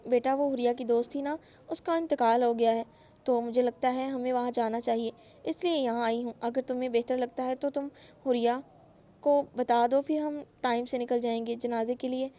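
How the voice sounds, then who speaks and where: A kind, worried middle-aged aunt from an audio novel, voiced by a woman, speaking softly and politely. The voice is high and plain. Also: steady tone, natural voice.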